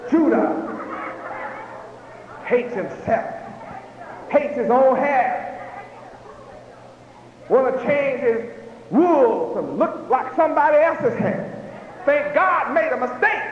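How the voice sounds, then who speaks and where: A man preaching a fiery sermon to a gathered audience, pressing his points with rhetorical questions and bursts of shouting. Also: very high voice, lively intonation, slow pace, long pauses. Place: hall with a live audience. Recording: echoey hall, dull lo-fi, noisy.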